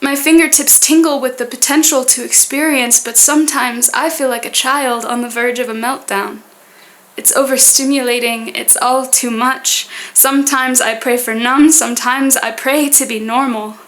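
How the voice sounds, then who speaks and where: A woman with a high voice recites a spoken word piece. Her delivery is earnest and deliberate, shaped in short poetic phrases. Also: steady tone, a bit bright.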